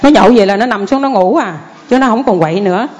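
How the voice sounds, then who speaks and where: Older woman giving a fast, earnest testimony. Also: mid-range voice, a little mellow. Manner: earnest, rambling, deferential. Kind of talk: spoken testimony.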